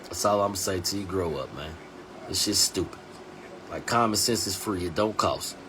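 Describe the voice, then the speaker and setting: A man in his forties hosting a live stream, talking bluntly in street slang and dropping his voice low and quiet to hammer a point home. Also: normal speed, background noise. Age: 40s. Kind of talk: casual live stream talk.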